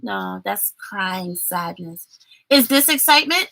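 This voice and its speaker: A teacher reads a picture book aloud to children, expressive and exaggerated, coaxing them along with questions. Her voice is medium-pitched and creaky, her pace measured, and there's no echo.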